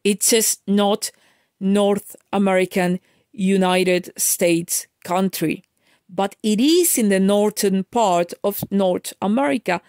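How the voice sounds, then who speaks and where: An Argentine woman vlogger delivers a casual, emphatic rant, lecturing her viewers with lots of restarts and fillers. Her voice is mid-range, slow, and a little mellow. The recording is studio quality with no echo.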